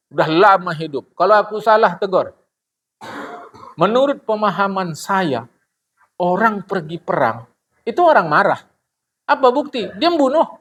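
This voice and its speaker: Lively man preaching to a congregation. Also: high voice. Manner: animated, asks the congregation questions and answers them himself; humorous, acts out little dialogues. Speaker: religious teacher.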